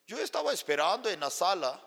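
A man's voice: high-pitched, very animated, fairly quick, fairly bright tone. A male pastor, a native Chinese speaker, telling a sermon story with acted voices. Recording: long hall reverb.

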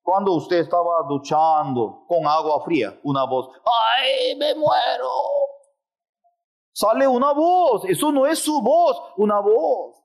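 A man's voice: high voice, animated, measured pace, hardly any pauses, darkish tone. A man preaching a sermon with drama, acting out the voices he quotes.

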